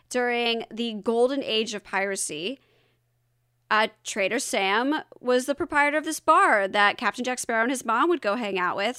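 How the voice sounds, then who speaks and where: A woman co-hosting a casual podcast chat, telling a story with lots of giggles and animated asides. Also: on the high side, clear, resonant tone, no echo, clean studio sound. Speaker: podcast co-host.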